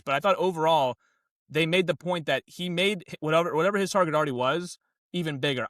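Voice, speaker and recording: Fast-talking excitable man recapping a show. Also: fairly high pitch, no room sound, studio quality. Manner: excitable, rambling, quick restarts. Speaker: podcast co-host. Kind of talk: casual show recap discussion.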